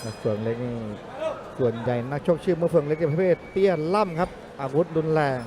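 A man giving excited Muay Thai commentary and analysis as a co-commentator. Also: on the high side, brisk, crowd noise.

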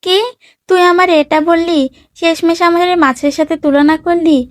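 A woman reading a comic story aloud, voicing a short-tempered young wife who scolds her husband roughly. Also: extremely high pitch, fairly even intonation, unhurried, no echo, clean studio sound. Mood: furious. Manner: angry, scolding, switching to rough familiar address.

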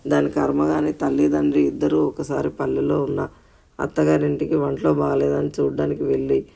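A man narrating an audio short story in a steady, scripted reading voice. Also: fairly high pitch, gravelly, husky.

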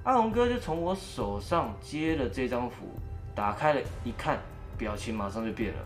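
Animated man telling a ghost story. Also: medium pitch, moderate pace, soft background music. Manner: animated, acts out every quoted voice. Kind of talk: first-person ghost story narration.

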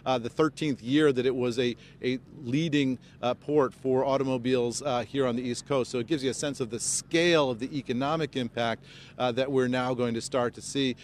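Brisk and steady, this American correspondent in his fifties is reporting live into a close-held handheld microphone. The setting is outdoors near a highway amid press crews, and a low outdoor rumble runs underneath.

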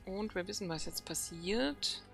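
A woman's voice: mid-range voice, animated, unhurried, vocal fry, music in the background. A woman giving casual gameplay commentary as a let's play host.

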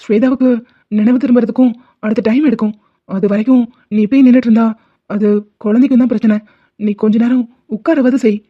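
Woman doing a steady cartoon husband calming his wife, slightly high voice, dull lo-fi audio. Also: quick pace, pauses often, natural voice. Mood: reassuring. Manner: firm, reassuring. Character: caring young husband, steady and reassuring. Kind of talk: cartoon drama dubbing. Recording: dull lo-fi sound.

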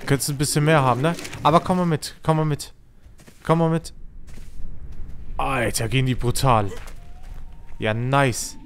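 A man commentating a game as a streamer, excitable and coaxing the creatures he tries to tame. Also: medium pitch, normal speed, pauses often, slight background noise. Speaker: gaming streamer. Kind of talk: let's play commentary.

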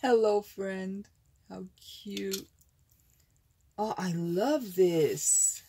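Woman, craft vlog host, unboxing, gushing, husky, unhurried. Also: medium pitch, mellow. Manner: gushing, exclaiming over each item.

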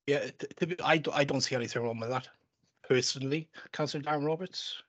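A man's voice: mid-range voice, quick pace, fairly bright tone. A man chairing a council meeting as mayor. He reads out agenda items in turn and calls on members to speak, talking into a desk microphone in a large council chamber.

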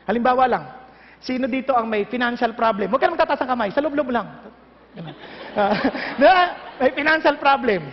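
A middle-aged man with a Filipino accent, preaching a lively sermon and acting out little dialogues. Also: very high-pitched, brisk, slight background noise. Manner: animated, mixes Tagalog and English, acts out dialogues. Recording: dull echoey hall recording.

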